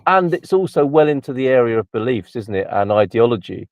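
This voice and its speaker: A man hosting a casual live-stream chat with a gravelly voice, wry and reflective, gently teasing his co-host. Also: medium pitch, lively intonation, a little fast, no echo.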